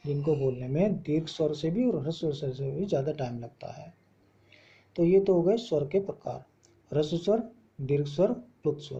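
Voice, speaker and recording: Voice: mid-range voice, warm tone, breathy edge, muffled recording. A teacher giving a grammar lesson, who asks questions and answers them himself and spells out letters one at a time. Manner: explains step by step with questions and answers.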